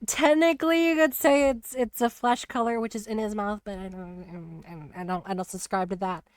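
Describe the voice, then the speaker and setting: A woman streamer chatting casually about a video game, rambling and animated with lots of fillers. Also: mid-range voice, brisk, clear, resonant tone, dry recording. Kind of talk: casual spoiler chat on a live stream.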